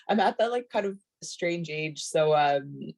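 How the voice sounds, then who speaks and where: A Canadian rugby player in her twenties talks casually on a video call panel, her low, darkish voice slow and lively in intonation with some vocal fry. She's chatty, full of fillers, restarts and self-corrections.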